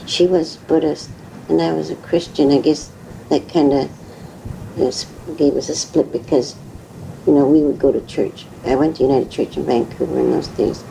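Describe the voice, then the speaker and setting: A woman's voice: sits low, fairly even intonation, normal speed, gravelly, mellow, slight background noise, poor audio. An older woman recalling her school years, hesitant and searching for words. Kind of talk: interview recollection.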